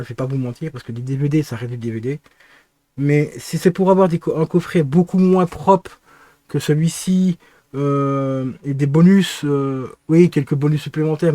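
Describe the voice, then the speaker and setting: A man hosting his own channel, chatting casually about a DVD collection, hesitant, with many fillers and self-corrections and relaxed slangy talk. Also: fairly high pitch, no room sound. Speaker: film collector and channel host.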